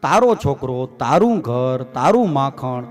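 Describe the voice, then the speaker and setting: A man's voice: mid-range voice, big pitch swings, measured pace, soft background music, pitched below the performer's own voice. A man voicing an irritated mother who scolds a noisy neighbour dismissively. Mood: scornful.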